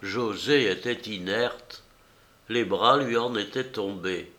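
A man reading a novel aloud as narrator, in a measured, steady storytelling manner. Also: on the low side. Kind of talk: audiobook reading.

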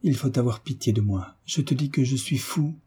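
A man's voice: medium pitch, normal speed, dark tone, slightly rough, close to an everyday voice. A man voicing a despairing young nobleman. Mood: anguished. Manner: impassioned, despairing. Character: anguished young nobleman in love.

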